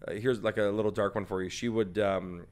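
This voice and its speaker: A male comedian telling stories in a casual podcast chat, profane and rambling with many fillers, slipping into animated impressions. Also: fairly low pitch, fairly quick, clean tone. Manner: slips into animated impressions and laughs mid-story. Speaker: comedian guest.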